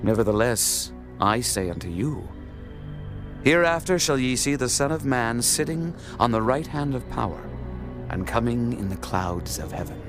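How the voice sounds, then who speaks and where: Man voicing a solemn teacher, measured, mid pitch, music behind. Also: expressive, lightly acted. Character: Jesus, calm, solemn male teacher.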